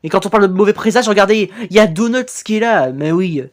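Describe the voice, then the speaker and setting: A woman giving casual reaction commentary on fan cartoon episodes. Her talk is chatty and enthusiastic, with a lively, bouncing pitch. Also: fast talker. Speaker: YouTube reactor.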